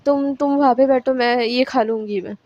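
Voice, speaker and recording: A woman's voice: sits high, fairly even intonation, normal speed, mellow, no echo, highs cut off, lightly acted. A woman doing a tearful, frightened young woman. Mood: tearful, desperate. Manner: tearful, desperate pleading. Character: frightened, tearful young woman pushing her lover away.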